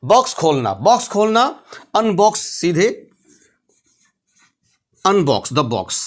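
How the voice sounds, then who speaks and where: A male teacher with a high, very animated voice takes his time through a Hindi-medium English vocabulary lesson. He spells each word letter by letter and repeats the phrase, then asks the class a question and answers it himself. Faint writing is heard behind him. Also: takes it slowly.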